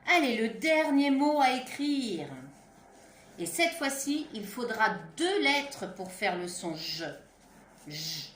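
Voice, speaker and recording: A woman teacher slowly dictating words syllable by syllable to young children, encouraging and patient. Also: high voice, lively intonation, a bit bright, echoey room, slight background noise. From France. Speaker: primary school teacher.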